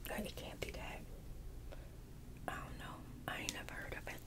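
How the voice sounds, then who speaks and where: Whispering woman, whispered role-play ASMR. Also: moderate pace. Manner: chatty whispered asides while solving a word search. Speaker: ASMR creator. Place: indoors at a table. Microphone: close mic over a tabletop.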